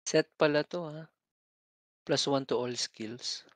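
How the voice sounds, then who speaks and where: A man's voice: fairly high pitch, slow pace, no room sound. A middle-aged man in casual gaming banter, laughing often and swearing. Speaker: gamer co-host.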